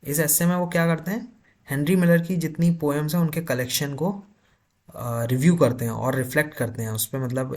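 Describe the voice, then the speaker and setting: A man teaching literature for an exam, explaining in Hindi with terms and reading notes slowly. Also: mid-range voice. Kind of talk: exam-prep lecture.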